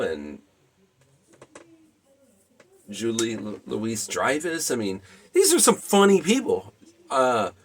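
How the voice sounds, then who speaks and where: A man giving a casual, rambling movie review, full of ums and restarts, with lively enthusiasm. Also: fairly low pitch. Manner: rambling, many fillers and restarts.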